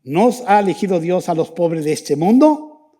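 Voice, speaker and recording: High-pitched guy pastor preaching in church, swings loud then hushed in prayer. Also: lively intonation, moderate pace. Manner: fervent preaching, rising and dropping to hushed prayer. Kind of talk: sermon and prayer.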